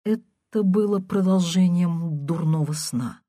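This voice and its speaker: A woman reading a literary story aloud in a measured, unhurried manner. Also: fairly low pitch, dark tone, no room sound, studio quality. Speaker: reader.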